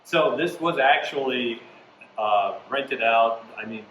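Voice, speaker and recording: A man's voice: medium pitch, a bit bright, slight background noise. Enthusiastic male interviewer host. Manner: enthusiastic, quick reactions and questions. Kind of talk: casual interview. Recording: roomy sound with faint ambience.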